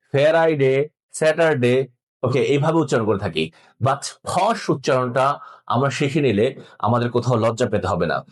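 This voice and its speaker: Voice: medium pitch, slightly rough. A teacher running a pronunciation drill, stretching out each word and repeating it for listeners to echo, with instructive asides to children and older learners.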